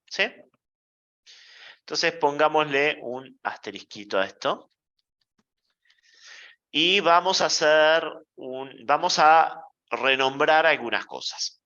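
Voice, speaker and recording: A male university lecturer works slowly through math with a playful touch, stopping now and then to check in with his students. His fairly high, bright voice is animated and swings up and down a lot. The classroom recording has a dull, lo-fi quality.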